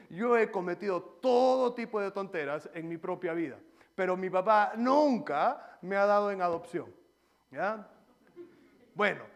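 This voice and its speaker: A man preaching a sermon in church, swinging between loud exhortation and quiet personal stories. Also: high voice. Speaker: pastor.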